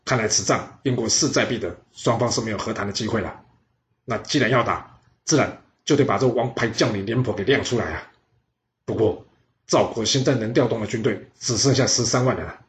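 A man telling a history audiobook in a lively, chatty way with asides to the listener. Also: medium pitch. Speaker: storyteller. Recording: roomy, slightly dull audio.

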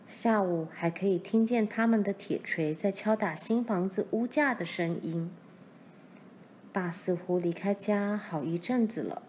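A woman narrating a children's novel chapter in a calm, even storytelling manner. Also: mid-range voice, unhurried, a little hiss or hum. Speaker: audiobook reader.

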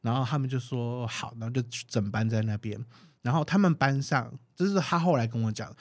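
A man with a Taiwanese Mandarin accent tells a story as a guest in a casual chat. He talks fast and is quick to react. The sound is dry and close. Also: medium pitch, darkish tone, no echo. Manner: quick, reactive talker with gasps and exclamations. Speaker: podcast guest.

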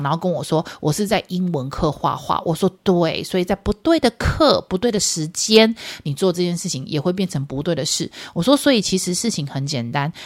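A woman in her thirties hosts a casual parenting podcast, talking fast in a lowish voice. She retells conversations with her young child, quoting both sides and laying out her reasoning patiently, point by point. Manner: patient, explaining step by step. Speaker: podcast host.

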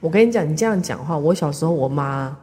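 A woman with a slightly low voice chats as a podcast co-host. She tells childhood stories in a lively way, laughing often and acting out the people in them. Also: fast talker, in a large hall. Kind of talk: casual chat.

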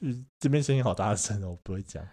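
A man with a Taiwanese Mandarin accent co-hosting a casual podcast chat, joking and breaking into loud laughter. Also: lowish voice, expressive, fast, husky. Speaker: podcast co-host. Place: studio room with echo.

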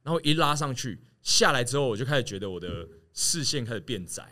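A man telling a story in casual chat, animated and laughing as he acts out what others said. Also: mid-range voice, quick pace. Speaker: podcast guest telling a story.

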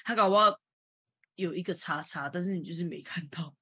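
A woman, co-hosting a podcast and telling stories in a lively, animated way. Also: a little fast, breathy edge, no echo, studio quality. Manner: animated storytelling, jumps in pitch when retelling panic. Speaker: podcast co-host. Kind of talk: casual chat.

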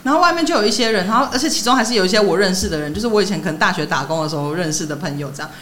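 A young woman co-hosting a podcast, telling a story in an animated way and laughing often. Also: lowish voice, very fast, slight background noise. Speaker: podcast co-host. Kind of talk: casual chat.

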